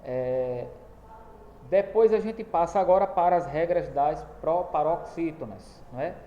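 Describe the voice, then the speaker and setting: A man teaches a lesson, patiently going over each point and checking in with the class as he goes. His voice sits a little high but sounds mellow and dark. The room echoes, with a faint hiss behind him. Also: measured pace, lo-fi sound. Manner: explanatory, repeating points with tag questions.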